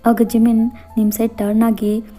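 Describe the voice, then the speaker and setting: A woman's voice: on the high side, completely flat delivery, normal speed, warm tone, soft background music. A woman narrating a fan fiction voiceover in the second person, in a chatty storytelling manner.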